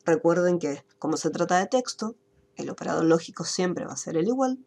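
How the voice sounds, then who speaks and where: A woman gives an online spreadsheet lesson. She walks through each step patiently and answers her own questions. Her voice is low, mellow and a little husky, heard through a computer mic. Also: lively intonation, brisk. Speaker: teacher. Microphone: computer mic on a video call.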